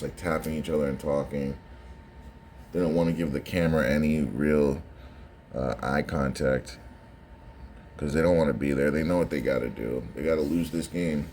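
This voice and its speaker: A man's voice: extremely low pitch, a little mellow, slight background noise. A man giving casual, conversational reaction commentary on sports footage, often repeating phrases for emphasis.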